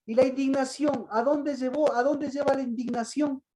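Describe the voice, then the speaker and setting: A woman preaching a sermon in a high voice, throwing the same question back at her congregation again and again. She slips into the voices of the people she quotes, raising her tone to act them out. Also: steady tone, normal speed, dark tone, rough recording. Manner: asks the congregation repeated questions; acts out quoted voices with rising emphasis. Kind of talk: interactive sermon.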